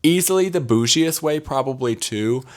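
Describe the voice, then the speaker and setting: A man's voice: mid-range voice, animated, moderate pace. A young man with a Mississippi accent telling travel stories in a casual, chatty vlog style, with gossipy, emphatic asides to the viewer. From Mississippi, United States. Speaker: travel vlogger.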